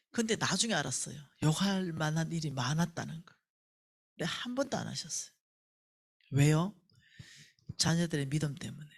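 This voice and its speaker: A woman's voice: fairly low pitch, breathy edge. A woman with a Gyeongsang accent preaching at a church revival meeting, telling stories and acting out the voices of the people in them. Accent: Gyeongsang Korean. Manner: animated storyteller who acts out quoted voices. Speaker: church ministry staff speaker. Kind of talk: revival sermon with told stories.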